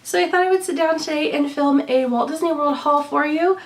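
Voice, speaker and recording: A vlogger showing off a shopping haul chats casually to the camera, her nose stuffy as she recovers from bronchitis. Her voice is high-pitched and fairly quick, cheerful and peppered with ums, and she sits far from the mic.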